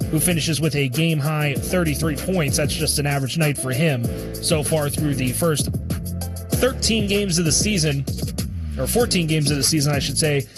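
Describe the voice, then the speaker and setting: A male radio host delivers a brisk post-game recap, slightly high-pitched for a man. A clear music bed plays beneath his read. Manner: brisk announcer read with sponsor plugs. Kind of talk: scripted sports radio recap.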